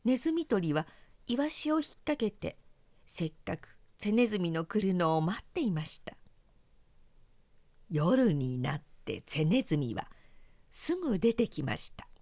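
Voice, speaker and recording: A professional woman narrator reading a children's story aloud, expressive and clearly articulated, close to the mic. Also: on the low side, moderate pace, dry recording.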